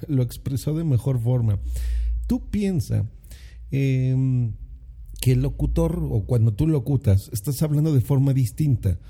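A man's voice: mid-range voice, dark tone, breathy edge. A man talking casually on his podcast into a condenser mic at home, explaining things in a chatty way with lots of "eh" and "¿no?". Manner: chatty, explanatory, frequent filler "eh" and "¿no?". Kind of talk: casual solo podcast talk. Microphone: condenser microphone.

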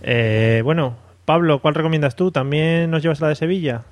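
Man, podcast host, casual chat, jokey quick replies, dry sound. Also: on the high side, no room sound. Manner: joking, quick short replies.

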